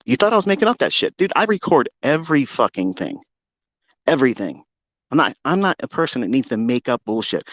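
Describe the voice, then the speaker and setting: Swearing and boastful, a man acting as a trading mentor delivers a combative rant on a live audio call, jeering at his challengers. He flips between shouted jabs and muttered asides, and the recording is dry.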